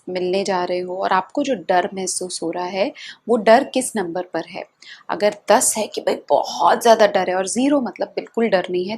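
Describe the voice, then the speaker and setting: Calm Indian woman guiding a tapping session. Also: mid-range voice, husky. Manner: calm, slow guiding with repeated affirmations. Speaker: EFT tapping practitioner.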